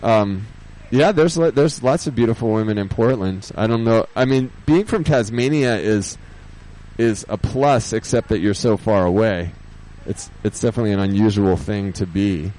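Halting, rambling man hosting casual radio. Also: on the low side, warm tone, low-quality recording. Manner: halting, rambling, thinking aloud. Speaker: radio host and DJ. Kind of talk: casual, off-the-cuff radio chat.

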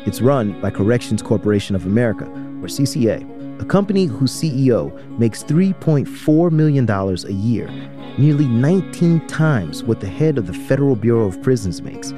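A man's voice: medium pitch, sing-song, brisk, music in the background. A man hosting an investigative radio program, reading scripted documentary narration.

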